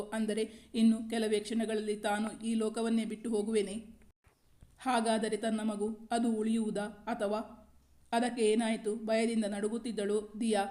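A woman storyteller reads a romance novel in steady, scripted narration. Her pitch stays almost completely flat, with a calm, even delivery.

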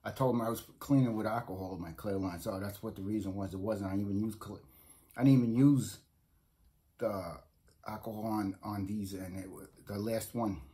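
A mellow, lowish voice at a moderate pace comes from a middle-aged New Yorker vlogging a casual food review. He sits close to a phone or webcam in a small room at home, rambling, repeating himself and often restarting what he says.

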